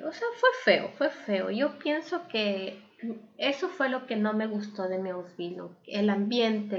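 On lo-fi audio, a young woman living abroad answers casual interview questions with candor and thought, leaning heavily on fillers. German is not her native language, and her mid-range voice carries vocal fry.

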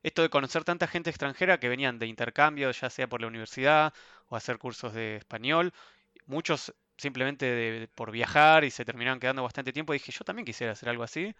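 A young Argentine man with an Argentine Spanish accent, speaking in a casual online interview, thoughtful and hesitant, often trailing off softly. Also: medium pitch, a little fast, smooth, no echo, dull audio. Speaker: interview guest. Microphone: video call.

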